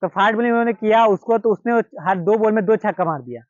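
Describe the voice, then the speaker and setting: Indian guy with a high voice telling a story casually, lots of repeating, dry dull lo-fi recording. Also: quick pace, dry recording. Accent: Hindi-speaking Indian. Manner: repetitive, conversational retelling with quoted dialogue. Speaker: cricket storyteller.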